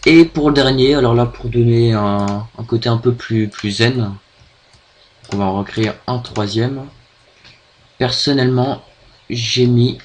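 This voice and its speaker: French man hesitantly walking through a tutorial. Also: medium pitch. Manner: hesitant, many fillers and restarts. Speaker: video tutorial maker. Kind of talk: screen-recorded software tutorial.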